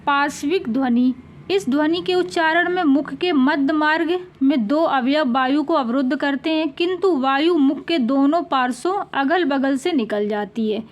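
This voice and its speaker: A woman teaching a grammar lesson for exam preparation, repeating each sound and word slowly for her pupils. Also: high-pitched, lo-fi sound. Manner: slow, drawn-out repetition of sounds and words for pupils.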